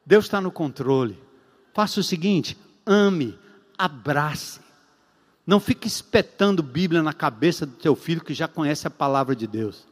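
A man preaching a sermon as a pastor, emphatic and repetitive, with long pauses and rhetorical questions. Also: a little high, expressive, long reverb tail.

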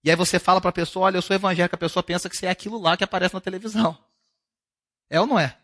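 A man's voice: high-pitched, fairly even intonation, very fast, a bit bright. A male pastor preaching a sermon at a church service, talking to the congregation in a conversational way and asking them questions.

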